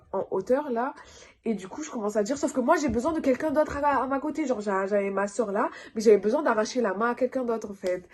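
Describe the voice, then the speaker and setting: A young adult woman telling a personal story in a casual storytime vlog, animated and full of filler words. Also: medium pitch. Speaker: vlogger.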